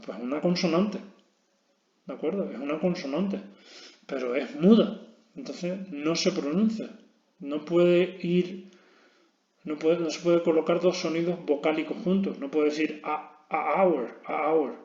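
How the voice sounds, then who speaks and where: A man's voice: on the high side, unhurried, dark tone. A man with a Spanish accent teaching an English grammar lesson, explaining step by step and often checking in with his listeners. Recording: echoey room, dull lo-fi sound.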